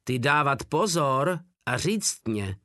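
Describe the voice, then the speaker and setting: A man's voice: medium pitch, very animated, bright, forceful tone, dry recording, studio quality, pitched above the performer's own voice. A man reading aloud, voicing a threatening Cossack sergeant who speaks in broken grammar. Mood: menacing. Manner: broken grammar, slow menacing.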